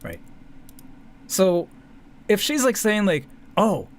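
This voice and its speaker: Slow-paced and high-pitched, this man's voice swoops wildly as he gives casual live commentary in a Japanese accent. The streamer, who is from Japan, rambles, repeats himself, breaks off mid-thought and swears casually, with faint background noise present.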